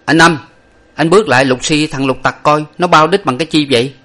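A man's voice: a little high, brisk, sharp tone, voice pushed up. A man doing a stern, scolding young master.

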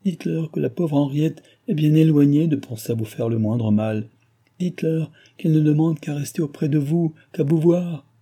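A man's voice: a little high, normal speed, warm tone, husky, voice pushed up. A man doing a sobbing distraught young woman. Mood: desperate. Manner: pleading, sobbing, exclamatory. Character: distraught young woman friend, tearful, clinging.

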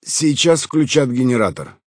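A man voicing a calm, composed middle-aged host who speaks in a measured way in an audiobook. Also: medium pitch, no room sound, pitched above the performer's own voice, close to an everyday voice. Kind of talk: audiobook character voice.

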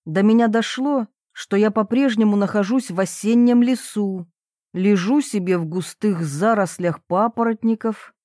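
A woman narrating an audiobook in the first person, with a wry, lively storytelling manner. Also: medium pitch, moderate pace, no room sound, studio quality.

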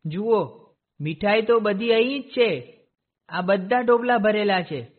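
A man's voice: high-pitched, expressive, slow, full character voice. A man voicing a mischievous, playful young divine boy in a storybook reading, his tone bold and teasing. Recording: tinny phone-like sound.

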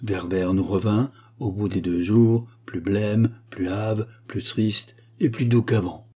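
A man reads a classic short story aloud in a measured, expressive way. His voice sits low and husky with a dark, mellow tone. The delivery is steady narration, shaped for listening. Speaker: audiobook narrator. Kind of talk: literary audiobook reading.

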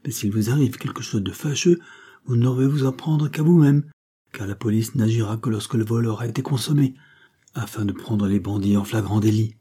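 A man's voice: lowish voice, brisk, warm tone, slightly rough. A man reading an audiobook, voicing a stern male police sergeant who speaks in a curt, official tone.

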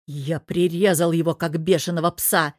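Woman doing a ruthless young male crime boss, clipped curt speech, lowish voice, dry close sound. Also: flat delivery, normal speed, darkish tone, dry recording, lightly acted. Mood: angry. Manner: clipped, curt, cold delivery.

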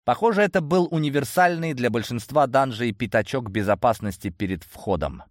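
A man reading a fantasy game novel aloud in the first person, with wry, expressive storytelling. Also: mid-range voice, a little fast, dry recording, clean studio sound. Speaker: audiobook narrator. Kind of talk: first-person audiobook narration.

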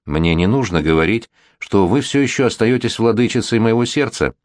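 A man's voice: lowish voice, lively intonation, moderate pace, a little mellow, no echo, studio quality, pitched above the performer's own voice, lightly acted. A man voicing a worldly, flirtatious middle-aged prince regent in a gallant, insistent manner.

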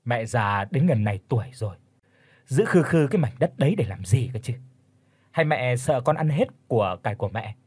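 A man's voice: medium pitch, animated, brisk, a little mellow, breathy edge, dry recording. A man voicing a greedy grown son, wheedling and snapping at his mother in an audio storybook. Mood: scornful. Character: greedy grown son, flattering then hostile.

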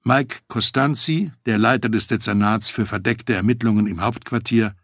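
Male audiobook narrator for a true-crime memoir; husky, lowish voice, dry close recording, measured delivery. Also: fairly bright tone, dry recording. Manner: measured, matter-of-fact first-person telling.

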